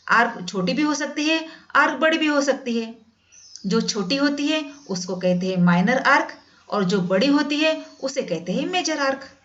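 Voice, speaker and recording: A woman teaching a math class, patiently repeating each definition slowly and addressing her students as "beta". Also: high-pitched, expressive, fairly bright tone. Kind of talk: classroom lesson in Hindi with English definitions. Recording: dull lo-fi sound.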